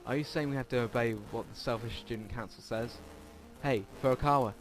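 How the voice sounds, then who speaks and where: A man with a medium-pitched voice talks a little fast while reading a visual novel aloud for a let's play, with game music behind him. The audio is poor, and his informal narration includes asides and occasional stumbles over words.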